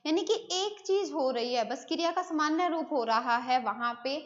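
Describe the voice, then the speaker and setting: Woman teacher, live online class, chatty, slightly high voice, dull lo-fi sound. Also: lively intonation, normal speed. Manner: chatty, answers students' chat messages, mixes in English words. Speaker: Hindi grammar teacher.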